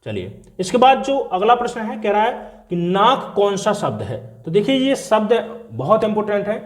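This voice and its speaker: A man leads an exam-prep grammar lesson with a high voice. He explains step by step, asking questions and answering them himself, and keeps checking in with the class. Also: big pitch swings, moderate pace. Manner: explains step by step, asks and answers his own questions, repeats "ठीक है". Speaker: teacher.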